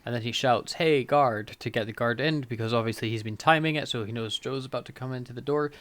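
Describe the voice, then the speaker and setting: A man co-hosting a podcast, casually retelling scenes and acting out quick bits of dialogue. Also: medium pitch, steady tone, a bit bright. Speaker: podcast co-host. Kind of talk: casual chat recapping an episode.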